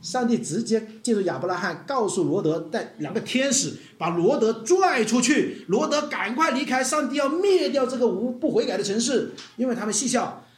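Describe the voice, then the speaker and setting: A man preaching a sermon in a lively way, dropping in English words and acting out quoted voices. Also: very high-pitched, normal speed, few pauses, roomy sound.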